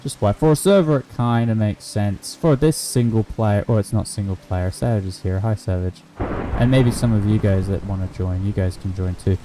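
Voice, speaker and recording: A young man chats through his live game stream in a loose, rambling way, breaking into excited bursts. His voice is mellow and warm, with a faint bed of music and rain behind him. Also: lowish voice, normal speed, low-quality recording.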